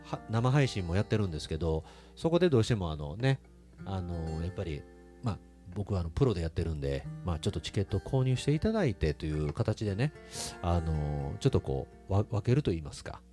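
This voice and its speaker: A man's voice: deep voice, very animated, fast talker, mellow, soft background music. A man with a Kansai accent, a singer chatting casually with his live stream audience between songs, laughing often. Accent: Kansai Japanese. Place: small live music venue.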